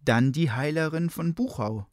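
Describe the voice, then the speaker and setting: A man's voice: on the high side, moderate pace, no echo, pitched above the performer's own voice, natural voice. A man voicing a scheming, cowardly nobleman who was caught out and now pleads nervously and defensively, in a read-aloud legend with a dry sound.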